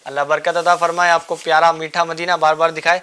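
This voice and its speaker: A man hosting a children's religious show, coaxing the kids with repeated questions and gentle teasing. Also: a little high, flat delivery, clear, resonant tone. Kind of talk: quizzing children in a studio class.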